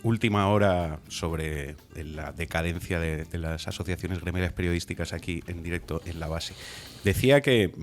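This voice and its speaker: A man, a regular commentator on a political talk show, arguing critically. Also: sits low. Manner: critical, argumentative.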